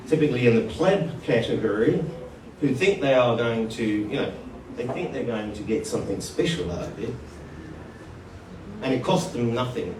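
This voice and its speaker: Speaking at a conference, a man with a mid-range, darkish voice addresses a live audience informally and haltingly, calling people "mate" and restarting phrases. The hall is echoey, he's captured from a distance, and there's a little hiss or hum.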